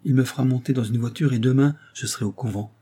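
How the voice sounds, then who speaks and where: A man's voice: medium pitch, fast, warm tone, husky. A man voicing a proud, dutiful young noblewoman in an audiobook, reading her lines in an earnest, declamatory way. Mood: resigned.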